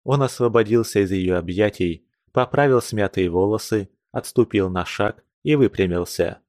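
A man narrating a classic novel in a steady, measured reading. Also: on the low side, dry recording, clean studio sound. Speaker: reader.

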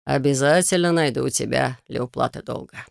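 A reader voicing a kind male magister, a mentor who talks calmly and softly. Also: mid-range voice, normal speed, gravelly, no echo, studio quality. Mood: playful.

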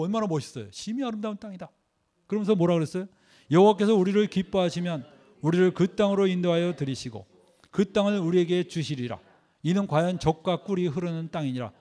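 A pastor delivers a sermon in a voice that sits high, firing rhetorical questions at his congregation and guiding them through group scripture readings. He swings from loud emphasis to quiet asides.

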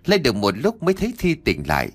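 A man narrating a ghost story in an expressive storytelling manner. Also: mid-range voice, quick pace. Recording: faint background music.

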